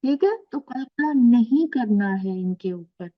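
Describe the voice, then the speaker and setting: Slow, patient woman tajweed teacher. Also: a little high, lively intonation, narrow, tinny audio. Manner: patient, repeats words slowly for pronunciation; switches between slow drawn-out recitation and quick explanation. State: sore throat. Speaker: Quran recitation teacher. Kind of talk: online tajweed lesson.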